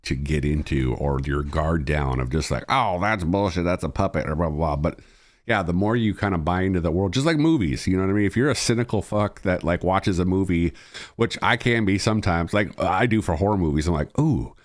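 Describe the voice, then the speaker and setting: A man's voice: sits low, fairly quick. A man hosting his own stream, chatting casually, rambling and swearing with frequent laughter. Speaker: streamer host. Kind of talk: casual chat.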